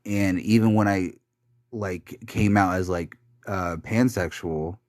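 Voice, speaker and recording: In a studio-quality recording with no echo, a young man in his twenties or so vents in a podcast monologue, his low voice holding a steady tone. The confession is bitter and meandering, peppered with swearing, and he keeps stopping to restart, filling gaps with ums and false starts.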